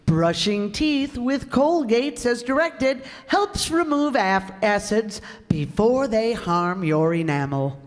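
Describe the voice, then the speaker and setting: A woman with a fairly high, expressive voice takes her time reading a 1940s radio advertisement as an announcer. Her sales delivery is emphatic and declarative. It was recorded on a hall stage with heavy echo.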